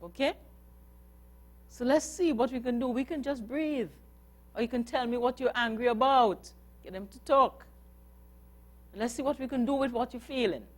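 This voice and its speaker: A woman's voice: fairly high pitch, normal speed. A religious sister giving a workshop talk to a live group, earnest and coaxing, often putting questions to her listeners. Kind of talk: workshop talk on nonviolent communication.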